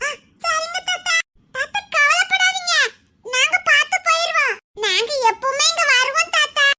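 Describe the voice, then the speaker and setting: A performer voicing polite little grandchildren through a high pitch effect, with a Tirunelveli accent, calling their grandpa again and again. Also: moderate pace, pushed and bright, dry recording, studio quality, full character voice. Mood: sweet. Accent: Tirunelveli Tamil. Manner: polite, sing-song, calling grandpa often.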